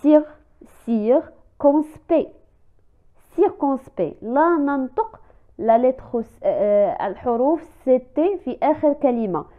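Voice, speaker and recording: Woman teacher, slightly high voice, slow and careful drilling of example words, narrow phone-like recording. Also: lively intonation. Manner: repeats each example word slowly and clearly, explaining in Arabic. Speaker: French teacher. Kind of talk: language lesson. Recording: tinny phone-like sound.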